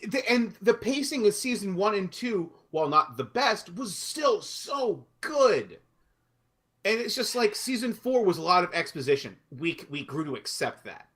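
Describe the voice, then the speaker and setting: Lively podcast dude ranting and swearing, bright sharp voice, pitch jumps all over. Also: male voice. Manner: animated, swearing, laughs a lot. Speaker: podcast co-host. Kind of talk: casual chat.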